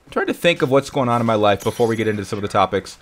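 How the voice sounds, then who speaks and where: A man's voice: mid-range voice, lively intonation, rapid-fire, a bit bright, a little hiss or hum. A young man hosting a casual live stream, talking in an upbeat, rambling way that often corrects itself. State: hiccuping.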